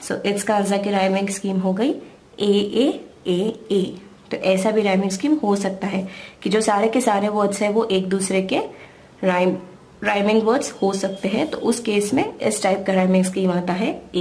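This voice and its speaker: A woman's voice: medium pitch, darkish tone. An Indian woman teaching English grammar, patiently explaining and spelling out words letter by letter. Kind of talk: slow explanatory lesson in Hindi-English mix.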